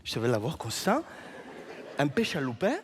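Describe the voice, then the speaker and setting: Comedian doing a rambling, word-mangling male storyteller, wildly swooping pitch, faint background noise. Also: big pitch swings, normal speed, natural voice. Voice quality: garbles grammar and words. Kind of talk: improvised stage comedy sketch.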